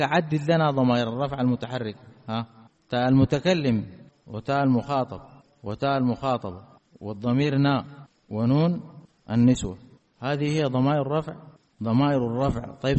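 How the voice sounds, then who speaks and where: A man teaching an Arabic grammar lesson. He keeps asking his students check questions and slows down to stress each example word. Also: mid-range voice, a little mellow. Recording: reverberant hall, dull lo-fi sound.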